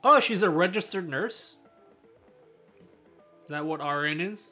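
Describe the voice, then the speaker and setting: A man hosting a live stream, chatting with his viewers in a bright, fairly high voice that rises and falls freely. He takes his time, laughs a lot and lets his sentences trail off. Faint music plays under his talk. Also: animated, measured pace. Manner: laid-back, laughs often, trails off mid-sentence. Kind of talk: casual live-stream chat answering viewers.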